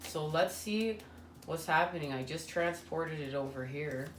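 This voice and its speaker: This tarot reader has a low-pitched voice and talks a little slowly. Her spiritual reading is earnest and wandering, packed with fillers. Faint ambient noise sits under the echoey room sound.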